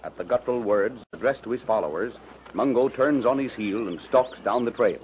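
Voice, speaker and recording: A man's voice: medium pitch, a little fast. A man giving formal, dramatic scripted narration in the style of a 1930s radio serial. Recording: dull, noisy old radio recording.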